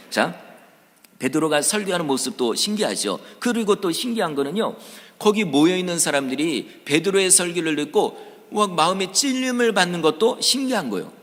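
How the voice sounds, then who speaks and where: Male pastor, fairly high and very lively delivery, sermon in a church with a long echo. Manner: animated preaching, acts out crowd voices. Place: church sanctuary. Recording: church hall reverb.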